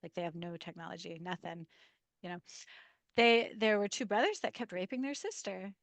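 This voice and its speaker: A woman talking as a guest in a casual interview over a video call. She tells stories with lively energy, laughs often and acts out the lines of the people she quotes. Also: fairly low pitch, normal speed, dry recording.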